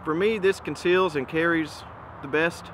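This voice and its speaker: A man presents a casual comparison outdoors in a bright, slightly high voice. He is informal and measured, offering opinions in an easygoing way. There is faint ambient noise around him. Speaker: gun reviewer and presenter. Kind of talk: casual product comparison talk to camera. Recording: noisy outdoor recording with ambient hum.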